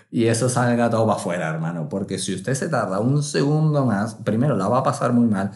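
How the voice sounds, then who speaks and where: A man, telling a comic travel story in a lively way, full of sound effects and acted-out inner voices. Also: lowish voice, normal speed, reverberant. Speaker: travel vlogger.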